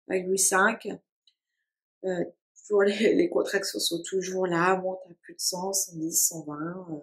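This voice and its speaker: A woman in her twenties recounting a personal story, speaking haltingly with many fillers and restarts. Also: lowish voice. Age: 20s. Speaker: vlogger. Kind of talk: casual storytelling to camera.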